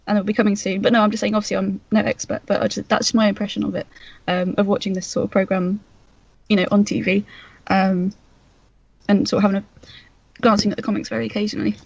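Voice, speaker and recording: A woman's voice: mid-range voice, little pitch movement, quick pace, vocal fry, darkish tone, husky, no echo. Female podcast co-host, hedging and chatty, slightly dull lo-fi audio. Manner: chatty, self-deprecating, hedging. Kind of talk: casual film-commentary chat.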